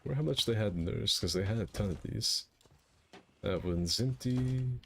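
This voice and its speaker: Low-voiced man in a pirate voice. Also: lively intonation, fast, creaky, a bit bright. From United States. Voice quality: light put-on pirate voice. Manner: crude, profane, mock-patriotic banter. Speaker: gaming co-host. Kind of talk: casual gaming chat over a voice call. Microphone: computer mic on an online call.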